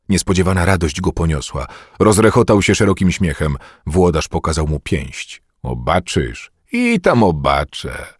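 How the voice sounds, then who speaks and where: A man narrates a historical novel in a low, husky voice. His pitch swings widely as he reads dramatically and voices the shouts of the characters. The recording is dry and close. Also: no room sound. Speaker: audiobook narrator.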